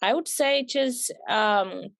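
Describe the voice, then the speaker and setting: A young woman from Somalia telling a painful personal story as a podcast guest, emotional and animated, acting out what people said. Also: a little high, slow, gravelly, no echo. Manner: emotional, animated retelling with quoted voices.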